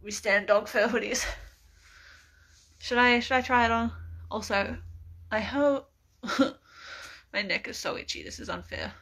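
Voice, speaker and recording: In a small, cluttered bedroom, a young woman with an Australian accent unboxes something for a phone live stream, the camera propped on a mug. Her voice is a little high and fairly bright, her pace measured with long pauses, and she chats, giggles and rambles with lots of laughs.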